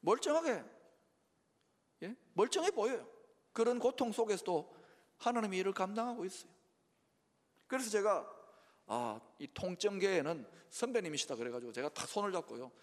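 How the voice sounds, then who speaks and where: A male pastor delivers a sermon in a high voice that rises and falls animatedly, checking in with the congregation again and again. His voice rings out with a long reverb from a large church hall. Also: very animated, a little fast, pauses often. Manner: preaching with frequent rhetorical prompts to the congregation.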